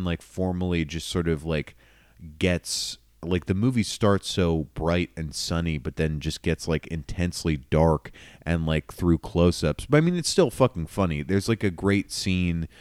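A young man with a very low, smooth and resonant voice, co-hosting a casual podcast. He talks eagerly but haltingly, with lots of fillers, recorded close and dry. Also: darkish tone, dry recording. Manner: enthusiastic, halting, many fillers. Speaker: podcast co-host. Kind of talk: casual film podcast chat.

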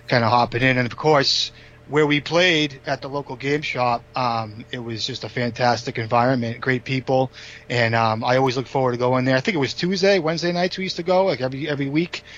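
A man from Massachusetts with a thick Boston accent chats casually in a friendly, enthusiastic way. His pitch sits in the middle range. The audio is dull and lo-fi, like a modest podcast setup. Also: a bit bright. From Massachusetts North Shore. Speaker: podcast guest, card game player. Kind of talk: casual chat.

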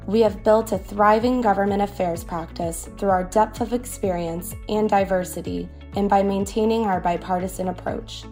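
A woman announcer reads a scripted podcast introduction in a measured, promotional tone. Her voice sits at a middle pitch, and faint music plays behind her. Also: darkish tone.

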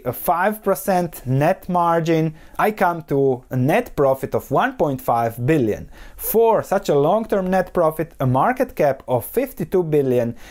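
Mellow-voiced podcast host. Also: male voice, on the high side. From Croatia. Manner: analytical, poses rhetorical questions and answers them. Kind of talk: solo investing podcast commentary.

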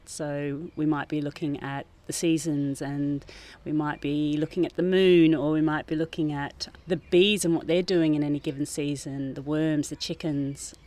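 A New Zealand garden teacher explains things thoughtfully and earnestly in an informal outdoor interview. She sits under a gazebo in a school garden, speaking in a deep, slightly mellow voice.

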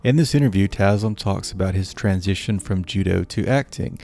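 A man hosting a podcast, reading a smooth scripted introduction. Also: sits low, normal speed, warm tone. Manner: smooth, read-out delivery. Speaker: podcast host.

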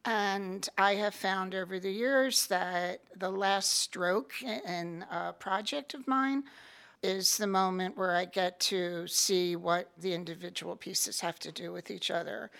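A woman speaks as a guest artist, slowly and reflectively. Her voice has a gravelly creak, and her phrasing is halting and thoughtful as she explains her ideas. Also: mid-range voice, fairly bright tone. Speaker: artist and exhibition juror, guest.

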